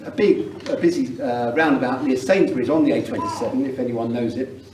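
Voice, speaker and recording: A man's voice: mid-range voice, fairly quick. A middle-aged man with an English accent, giving a humorous wedding speech as father of the bride. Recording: roomy, noisy event recording from far off.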